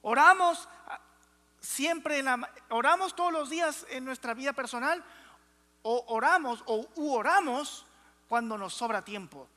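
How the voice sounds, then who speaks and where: Young male pastor, emphatic preacher, bright tone, long church-hall echo. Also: extremely high pitch, expressive, measured pace. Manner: emphatic, calls out to the congregation. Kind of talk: sermon.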